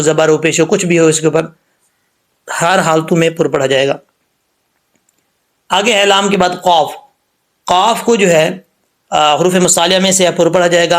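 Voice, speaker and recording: A man teaching Quran recitation rules, explaining letter by letter and slowly drawing out the recited words. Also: fairly high pitch. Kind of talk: tajweed lesson with slow recitation.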